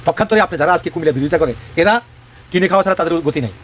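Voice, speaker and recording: Rapid-fire impassioned man with a Comilla accent. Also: a little high, a little hiss or hum. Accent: Comilla Bengali. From Bangladesh. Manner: rhetorical, combative, asks and answers his own questions. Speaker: regional advocate. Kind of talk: impassioned monologue.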